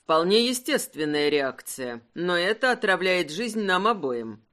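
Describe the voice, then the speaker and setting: A woman voicing a confident, teasing aristocratic man, an earl, in a lowered, unhurried voice for a storybook. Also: very animated, fairly bright tone. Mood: serious.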